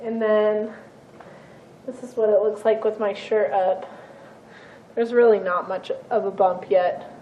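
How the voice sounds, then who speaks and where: A young woman vlogging at home to her camera, hoarse from a cold, chatting in a rambling way with many ums and throat-clearing. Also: mid-range voice, flat delivery, measured pace, long pauses, warm tone, muffled recording, slight background noise. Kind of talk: casual vlog chat to camera. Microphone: camera set on a surface.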